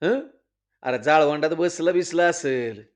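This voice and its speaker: A man voicing a stern village headman who calls out and gives orders loudly. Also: on the high side, a little slow, natural voice. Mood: calling out. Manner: bossy, shouting orders. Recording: dull lo-fi recording.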